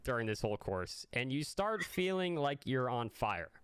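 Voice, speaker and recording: Male game master for an online tabletop session, smooth clear voice, descriptive and explanatory, very dry recording. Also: medium pitch, sing-song, normal speed, fairly bright tone, dry recording.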